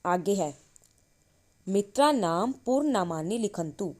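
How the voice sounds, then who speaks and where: A woman's voice: mid-range voice, expressive, darkish tone. A woman teaching a grammar lesson, asking questions and answering them herself, drawing out each syllable as she reads it. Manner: slow, drawn-out reading of syllables. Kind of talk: Sanskrit grammar lesson explained in Hindi.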